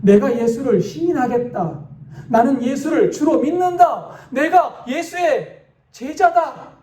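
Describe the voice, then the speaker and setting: A man's voice: extremely high pitch, lively intonation, slow pace, mellow, a little hiss or hum, pitched above the performer's own voice, heavily acted. A man voicing a young soldier who cries out his faith in a trembling, impassioned voice. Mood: declaring. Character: young male soldier crying out in fervent faith. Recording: roomy dull sound from a distant mic.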